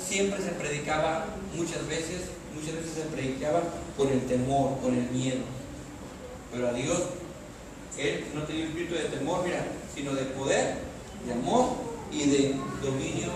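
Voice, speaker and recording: A man's voice: fairly high pitch, unhurried, recorded from a distance, background noise. A male pastor from Mexico preaching a sermon, reading scripture aloud and pressing the congregation with emphatic rising questions. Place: church hall. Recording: echoey church hall, heard from afar.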